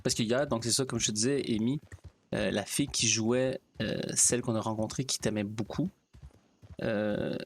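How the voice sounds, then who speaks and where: Guy streaming a game, low voice, chatty and halting. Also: slight background noise. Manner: rambling, halting, with restarts and fillers. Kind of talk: casual out-of-character chat while gaming.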